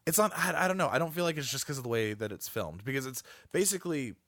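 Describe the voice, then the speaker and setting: A man's voice: mid-range voice, lively intonation, fast talker, a bit bright, no room sound, clean studio sound. A man co-hosting a gaming podcast, talking with enthusiasm and casual swearing. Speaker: podcast co-host. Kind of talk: casual chat.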